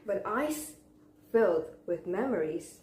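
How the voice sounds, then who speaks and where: A young woman delivers a memorized contest speech in a deliberate, theatrical way, with pauses and rhetorical questions. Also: mid-range voice, lively intonation, darkish tone. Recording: echoey room with faint background noise.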